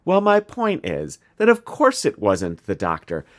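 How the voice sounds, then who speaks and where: A young man with a Midwestern American accent chats on a podcast, his pitch rising and falling freely. He jokes and restarts his sentences as ideas tumble out. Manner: animated, jokey, quick restarts. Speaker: podcast co-host. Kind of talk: casual chat.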